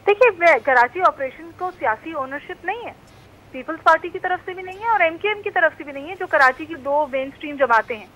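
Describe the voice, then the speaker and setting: Woman analyst, very high, tense voice, measured and hesitant. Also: lively intonation, a bit bright, dull audio. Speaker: panel guest, analyst. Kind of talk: talk show commentary.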